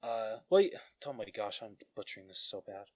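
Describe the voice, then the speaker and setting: A man's voice: fairly low pitch, lively intonation, a little fast, darkish tone, dry recording. A man co-hosting a casual podcast chat, rambling and self-deprecating, laughing often as he describes collectible toys. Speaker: podcast co-host.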